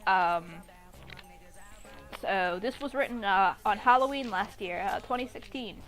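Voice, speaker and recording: A young woman reads fan fiction aloud and mocks it in casual commentary, irreverent, sweary and giggly. Her mid-range voice is a bit bright and a little slow, the audio is poor, and background music plays.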